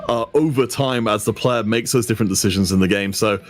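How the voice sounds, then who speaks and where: A man doing live esports commentary, lively, acting out players' thoughts in quoted asides. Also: on the low side, quick pace. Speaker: esports caster.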